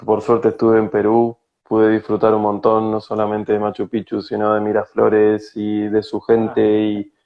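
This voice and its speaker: A man from Argentina with a Rioplatense accent, a spiritual guide talking slowly and searchingly in an interview, with frequent hesitations. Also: on the low side, monotone, muffled recording. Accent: Rioplatense Spanish. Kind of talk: reflective conversational interview. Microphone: video call.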